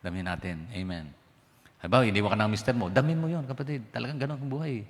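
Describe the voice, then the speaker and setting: A middle-aged pastor preaches at a brisk clip, moving quickly from line to line. He drops from forceful emphasis to near-whispered asides, mixing two languages. His voice trails off into the long reverb of a church sanctuary. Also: mid-range voice, lively intonation. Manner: mixes Tagalog and English, swings from loud to hushed. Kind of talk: sermon.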